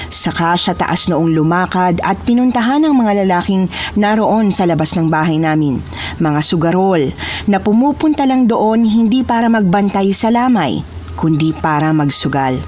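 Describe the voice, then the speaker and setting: A woman narrating a true horror story in a measured, solemn storyteller's style. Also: fairly low pitch, a little mellow, a little hiss or hum.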